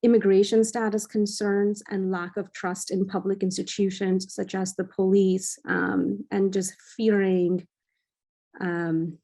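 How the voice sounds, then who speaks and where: A young adult woman who is a cardiology fellow presents at an academic journal club, speaking in a measured way with frequent filler sounds. Her voice is medium-pitched, warm, and creaky.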